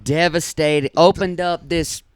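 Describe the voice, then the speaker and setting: A man's voice: on the high side, fairly even intonation, smooth. A young man with a Southern US accent, co-hosting a comedy podcast, teasing his partner and laughing often. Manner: teasing, laughs a lot, quick jokey quips. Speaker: podcast co-host. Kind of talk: casual comedic banter.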